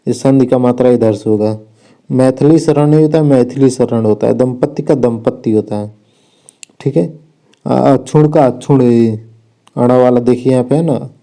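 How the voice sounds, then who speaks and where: A man's voice: medium pitch, warm tone. A man working through spelling and sentence corrections for exam students, saying "theek hai" after each point. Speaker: exam coach. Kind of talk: spelling lesson walkthrough.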